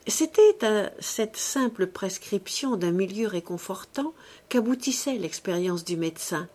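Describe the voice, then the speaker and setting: An audiobook reader with a medium-pitched voice reads a novel aloud. Her scripted literary narration is measured and expressive.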